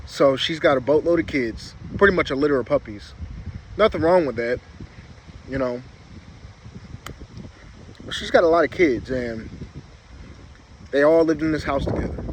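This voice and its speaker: A man vlogging in a laid-back, rambling storytelling style, his words slightly muffled by a lip packed with chewing tobacco. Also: medium pitch. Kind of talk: casual storytelling chat to camera. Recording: clear background noise, vehicle ambience.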